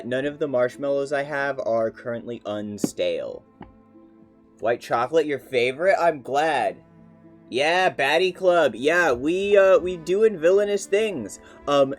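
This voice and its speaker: Playful rambling male streamer. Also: fairly high pitch. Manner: playful, rambling, many fillers. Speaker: live streamer. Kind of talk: casual live stream chat.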